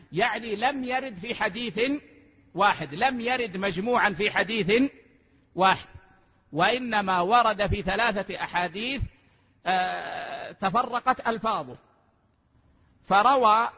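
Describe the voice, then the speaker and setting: A man with a high, husky voice delivers a measured religious lesson, repeating key phrases so they sink in. He sounds like he is in a large, echoing hall, and the recording is dull and lo-fi. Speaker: sheikh teaching a lesson. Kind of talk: religious lesson explaining a text.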